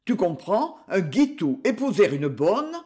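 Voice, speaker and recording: A man reading aloud and voicing a blunt, heavy-set older father with a deep voice in a storybook. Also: very animated, measured pace, a little mellow, breathy edge, exaggerated voice. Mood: gruff.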